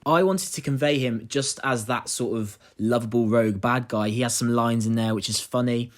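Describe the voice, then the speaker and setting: A man's voice: mid-range voice, normal speed. Earnest young man explaining his acting. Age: young adult. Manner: earnest, steady, with frequent "um" and "sort of". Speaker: drama student.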